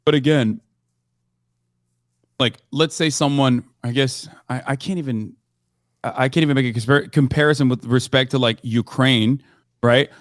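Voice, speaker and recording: A man's voice: mid-range voice, moderate pace, pauses often, no room sound, studio quality. A man who grew up in Turkey, a commentator debating on a live stream, hesitant with many fillers and restarts, swearing now and then.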